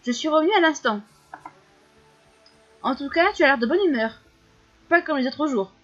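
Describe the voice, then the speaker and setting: A woman voicing a gentle, reserved young male elf in a game, speaking softly and briefly. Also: high-pitched, expressive, moderate pace, dull audio, faint music behind. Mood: guarded.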